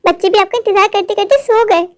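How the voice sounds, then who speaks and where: A worried, caring cartoon wife, voiced by a woman with a very high, bright voice. She fusses over her husband with questions and mild scolding. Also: brisk. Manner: fussing, questioning, gently scolding.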